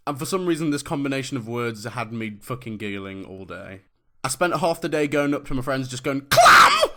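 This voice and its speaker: A man's voice: fairly high pitch, fairly bright tone. A young man making a comedic top-five video, talking in a crude, sarcastic and mocking way. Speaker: YouTuber.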